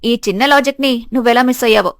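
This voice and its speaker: A woman's voice: on the high side, fast, dry recording, studio quality, close to an everyday voice. Woman voicing a meek young daughter-in-law. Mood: defiant. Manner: earnest, pleading. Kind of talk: animated storybook voice acting.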